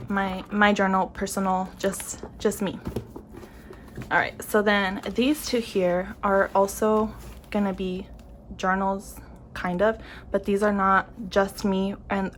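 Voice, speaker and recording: A young woman with a mid-range voice chats casually to the camera about her planners, speaking softly and sounding a little emotional. She often trails off and starts over, and there's a bit of hiss or hum in the audio.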